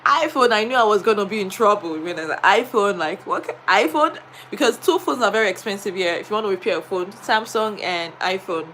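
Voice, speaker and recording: A woman's voice: medium pitch, animated, a little fast, a bit bright, a little hiss or hum. A woman with a Nigerian accent, a teacher, chatting on a live stream and telling a story with many fillers. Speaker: vlogger and teacher.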